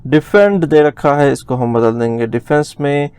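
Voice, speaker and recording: A young man teaching grammar in a recorded lesson, slowly spelling out words letter by letter. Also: a little high, darkish tone, clean tone.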